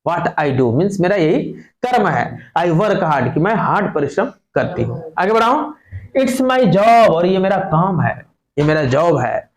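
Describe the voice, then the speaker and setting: A man with a high-pitched voice teaches a class, reading English lines and explaining them at length. He keeps asking the students questions and repeats their replies back to them. The room rings with echo. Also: very animated, unhurried.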